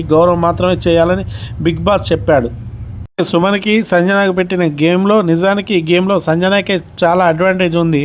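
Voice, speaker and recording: A man with a fairly high voice retells a reality show's latest events. His narration runs in a steady recap style, lightly formal, with occasional small slips as he moves from one incident to the next. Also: slight background noise.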